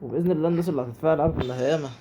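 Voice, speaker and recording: A man's voice: on the high side, rapid-fire, noisy background. A man with an Egyptian Arabic accent giving chatty let's play commentary, talking to himself and his viewers as he plays. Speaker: gaming YouTuber.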